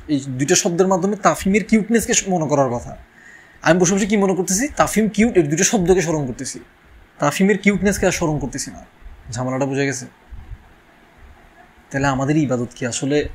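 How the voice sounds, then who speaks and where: Guy preaching casually, kinda higher voice, keeps asking the audience questions, drops english words in. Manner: conversational, asks rhetorical questions, mixes English words. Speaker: Islamic preacher. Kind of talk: religious talk.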